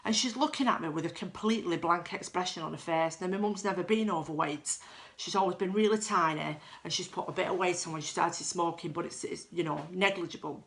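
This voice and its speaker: Woman, middle-aged, lowish pitch, candid personal testimonial, self-deprecating, restarts and fillers. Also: brisk, fairly bright tone. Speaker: client giving a testimonial.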